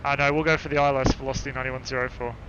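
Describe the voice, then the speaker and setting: A man's voice: medium pitch, little pitch movement, rapid-fire. A man flying as a virtual pilot, mixing jokey, sweary gaming chat with radio calls. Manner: jokey, laid-back, sweary. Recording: dull audio with clear noise.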